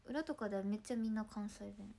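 A woman in her twenties from Ibaraki, Japan, hosting a casual livestream chat in a chatty, playful way, often dropping into soft murmured asides. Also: medium pitch, fast, creaky. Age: 20s. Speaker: idol livestream host.

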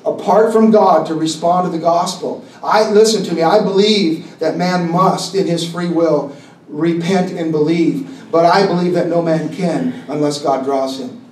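A pastor preaching an intense, impassioned sermon at a conference. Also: male voice, on the high side, steady tone, measured pace, a little mellow, slight background noise. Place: conference hall. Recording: echoey hall, mic at a distance.

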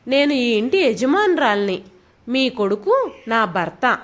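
A woman voicing a bossy young daughter-in-law in a storybook, shouting and scolding. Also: a little high, very animated, slow. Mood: angry scolding.

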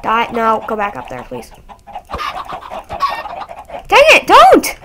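A woman's voice: fairly high pitch, wildly swooping pitch, slow pace, vocal fry, background noise. A woman casually commentating her own gameplay, talking to the game and jumping to sudden squeals of surprise. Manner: chatty, talks to the game and apologizes to it. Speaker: gaming channel host.

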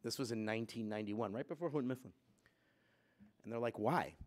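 A Puerto Rican man in his fifties speaks a little fast in a medium-pitched voice, giving a personal talk to students from a chapel lectern. He's conversational and full of fillers, growing more emphatic as he goes, heard through a gooseneck lectern mic in a wood-panelled school chapel with students seated behind him.

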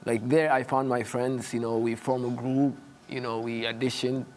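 Soft, hesitant young man from Somalia. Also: medium pitch, little pitch movement, moderate pace, slight background noise. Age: young adult. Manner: hesitant, soft-spoken, many "you know" fillers. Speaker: actor guest. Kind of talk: studio interview. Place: TV studio set, indoors.

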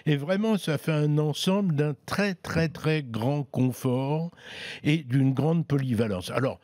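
A man's voice: a little high, measured pace, a little mellow, dry recording, clean studio sound. A man chatting casually as a tech columnist, explaining products in an easygoing way with frequent hesitations. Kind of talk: casual product review chat.

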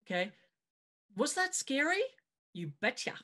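Her voice sits high and swings widely in pitch, sounding pushed and bright as she talks a little slowly. The middle-aged German podcast host runs a motivational video-call interview on her webcam, seated at home before a dark backdrop, stressing key advice emphatically and repeating it.

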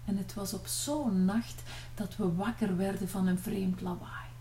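A woman's voice: mid-range voice, measured pace, distant mic, a little hiss or hum. Flemish woman reading a storybook aloud. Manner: playful, lively storytelling, voices for the sisters. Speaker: children's book author reading aloud. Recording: echoey room, off-mic.

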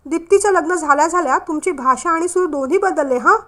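A woman's voice: extremely high pitch, a little fast. A woman voicing a scheming young woman who talks in a coaxing, persuasive way. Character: scheming young sister-in-law, soothing outside.

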